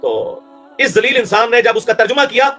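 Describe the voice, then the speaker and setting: A man with a high-pitched voice and a Pakistani Urdu accent delivers a heated, scornful religious rebuttal. He hurls insults and raises his voice in anger. Faint music plays underneath. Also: lively intonation, sharp tone. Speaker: religious speaker.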